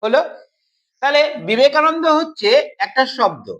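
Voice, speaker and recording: A man's voice: extremely high pitch, expressive, normal speed, bright, forceful tone, muffled recording. Man teaching grammar, repeating definitions. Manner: repeats each definition and checks in with short questions; addresses the student familiarly. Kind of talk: informal classroom explanation.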